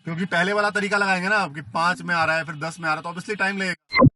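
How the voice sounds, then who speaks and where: A man teaching math in a classroom lecture, often asking "है ना?" to check understanding and gently teasing students. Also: high-pitched, fairly even intonation, fast. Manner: coaxing, asks "है ना?" and "ठीक है?" after each step; playful teasing of students, calls them बेटा. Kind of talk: classroom lecture mixing Hindi and English.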